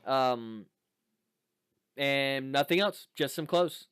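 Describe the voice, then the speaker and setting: A man running a tabletop game as game master, describing scenes with pauses and fillers. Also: medium pitch, fairly bright tone, clean tone, no echo, clean studio sound.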